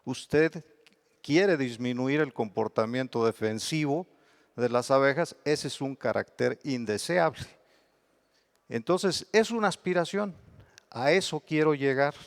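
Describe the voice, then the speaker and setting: A man's voice: mid-range voice, a little slow. A middle-aged man with a Mexican accent giving a conference lecture, explaining terms patiently with examples. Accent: Mexican Spanish. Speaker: bee researcher giving a lecture.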